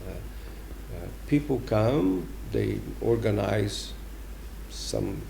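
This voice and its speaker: A man with a Brazilian accent answering interview questions as a diplomat, explaining deliberately and emphatically with pauses. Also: fairly low pitch, creaky, mellow, a little hiss or hum. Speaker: ambassador giving an interview.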